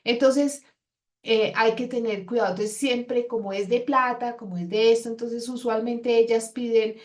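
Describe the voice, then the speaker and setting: A woman's voice: fairly high pitch, normal speed. Chatty woman teacher. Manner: chatty, lively, acts out example dialogues. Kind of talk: classroom lecture.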